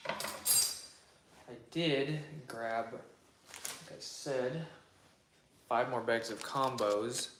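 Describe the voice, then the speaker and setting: A young man hosting a casual question-and-answer chat from his home kitchen, relaxed and rambling with lots of fillers and hedges. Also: mid-range voice, extremely slow, pauses often, noisy background. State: voice partly worn from shouting days before. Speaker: channel host answering viewer questions.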